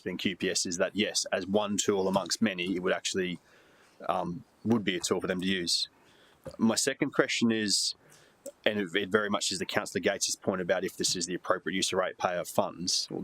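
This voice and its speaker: An Australian man speaking as a councillor in a committee meeting, making measured points to the chair. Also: low voice, a bit bright.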